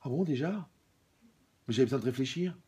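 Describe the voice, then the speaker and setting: A man voicing a hesitant young man torn between two women, talking in a soft, fumbling, pleading way. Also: medium pitch, lively intonation, a little fast, husky.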